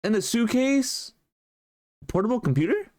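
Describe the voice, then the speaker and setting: A man's voice: extremely high pitch, lively intonation, normal speed, darkish tone. Jokey man reacting to a video. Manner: jokey, profane asides. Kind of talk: casual reaction commentary.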